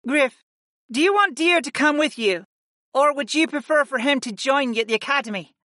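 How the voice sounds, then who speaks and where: A man's voice: very high-pitched, animated, normal speed, sharp tone, no room sound, clean studio sound, voice pushed up, full character voice. A man voicing an upbeat, teasing young woman who is looking after the household in an audiobook. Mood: curious.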